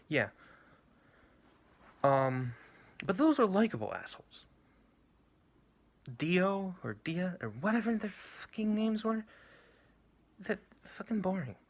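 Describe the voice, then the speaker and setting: A young man rambling bluntly and profanely through an anime ranking, with many restarts and fillers. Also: high voice. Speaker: anime reviewer. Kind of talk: casual ranking rant.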